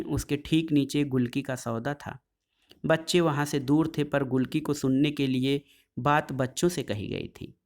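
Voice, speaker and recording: A man narrating a literary short story in a steady, measured reading voice. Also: medium pitch. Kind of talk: scripted narration.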